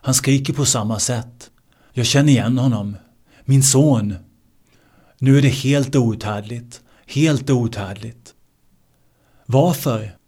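A man teaching meditation in a slow, measured way, repeating key words for emphasis. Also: medium pitch, a little mellow. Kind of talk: spiritual teaching talk.

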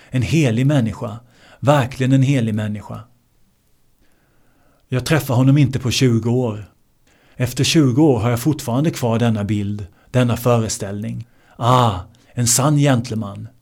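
A man teaching meditation in a slow, measured way, repeating key words for emphasis. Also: mid-range voice, warm tone. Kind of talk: spiritual teaching talk.

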